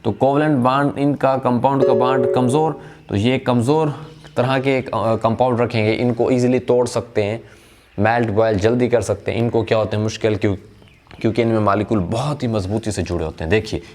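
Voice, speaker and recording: A man teaching a chemistry lesson. He poses rhetorical questions and answers them himself, and calls the listener brother. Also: medium pitch. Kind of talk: classroom lecture.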